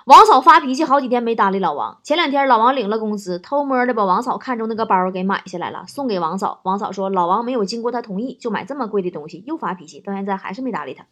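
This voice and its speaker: Lively woman telling comic stories. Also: mid-range voice, fast talker, hardly any pauses. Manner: lively, punchline-driven. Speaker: comic storyteller. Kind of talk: comic anecdote monologue.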